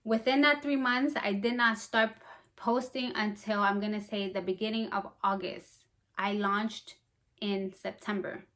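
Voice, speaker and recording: A young woman who runs a small business, talking casually to camera in an upbeat, fast, slightly breathless way. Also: mid-range voice, little pitch movement, a bit bright. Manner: chatty and upbeat, talks fast. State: a bit out of breath. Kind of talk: casual vlog talk to camera.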